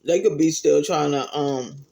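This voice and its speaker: A man chatting casually to viewers while he eats, giving earnest advice with pauses between phrases. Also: fairly high pitch, creaky, warm tone. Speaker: mukbang vlogger.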